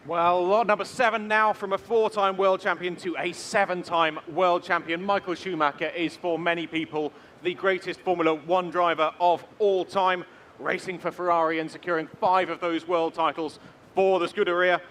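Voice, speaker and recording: Male auction presenter, high-pitched, formally introducing items over faint live-event noise. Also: steady tone, normal speed, fairly bright tone.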